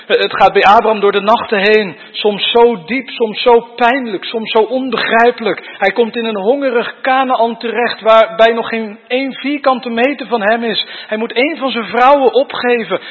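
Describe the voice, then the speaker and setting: Husky high-voiced preacher in church reverb. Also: male voice, moderate pace. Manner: earnest, probing rhetorical questions to the congregation. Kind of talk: sermon. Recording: dull sound with long church reverb.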